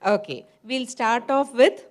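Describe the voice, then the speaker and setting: A woman's voice: fairly high pitch, unhurried. A woman moderating a live panel informally, chatty and playful with frequent asides. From Mysore, India.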